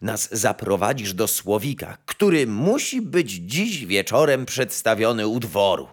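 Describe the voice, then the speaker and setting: A man's voice: fairly low pitch, very animated, a little slow, husky, exaggerated voice. A man doing a pompous, fawning chamberlain. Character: fussy, pompous court chamberlain, a flatterer.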